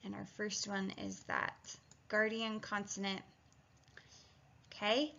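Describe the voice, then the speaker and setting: A woman's voice: medium pitch, little pitch movement, slow pace, vocal fry, bright, forceful tone. A woman teaching a phonics lesson on video, chatty and encouraging, thinking aloud and sounding out words syllable by syllable. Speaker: reading and spelling teacher. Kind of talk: video phonics lesson, talking students through steps. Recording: dull lo-fi sound.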